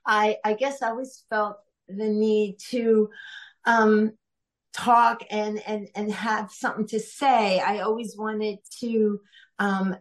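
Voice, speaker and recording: A middle-aged woman from Greece, chatting as a podcast guest. She talks in a loose, rambling way, full of fillers and easy laughter, at a middle pitch. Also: little pitch movement, takes it slowly. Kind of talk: casual interview chat.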